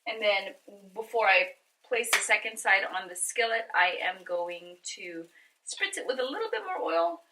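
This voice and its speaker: A woman's voice: medium pitch, expressive, moderate pace, background noise. A woman hosting a cooking video, talking to viewers in a chatty, informal, step-by-step way. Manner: chatty, informal, addresses viewers as guys and friends. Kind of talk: casual cooking demonstration to camera.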